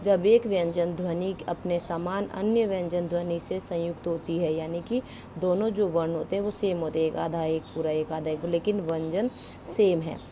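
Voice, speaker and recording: A woman's voice: on the low side, steady tone, moderate pace, background noise. A woman teaching grammar to school students, explaining step by step, asking questions and answering them herself, and mixing English words into her speech. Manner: mixes English words into Hindi.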